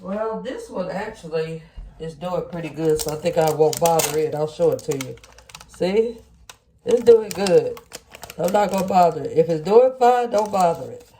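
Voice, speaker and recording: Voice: medium pitch, expressive, moderate pace, warm tone, a little hiss or hum. A plant vlogger with a stuffy, blocked-nose voice, casually explaining things step by step to viewers in a folksy way. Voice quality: stuffy, congested nasal voice. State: congested after sinus surgery. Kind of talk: casual hands-on demonstration to viewers. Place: home kitchen at the counter.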